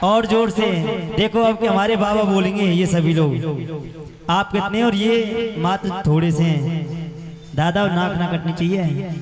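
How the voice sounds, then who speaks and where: High haryanvi guy leading chants, teasing folks, drawn out and slow, loud music. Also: steady tone, over a noisy crowd. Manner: rousing, teasing the audience. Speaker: stage host leading chants. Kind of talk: crowd call-and-response. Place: temple sermon gathering. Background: loud devotional music.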